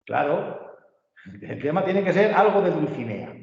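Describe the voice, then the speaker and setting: A man's voice: a little high, very animated, a little slow, a little hiss or hum. A man teaching literature in an online class, patiently explaining and often checking that students follow. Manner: patient, checks understanding with frequent tag questions. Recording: echoey, roomy, dull sound.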